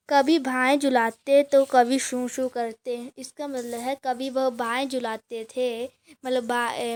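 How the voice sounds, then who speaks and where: Woman teacher, high voice, unhurried, reads a passage then unpacks it line by line, many restarts. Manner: reads a passage aloud, then explains each line in simple words; frequent restarts and filler sounds. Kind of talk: explaining a textbook lesson.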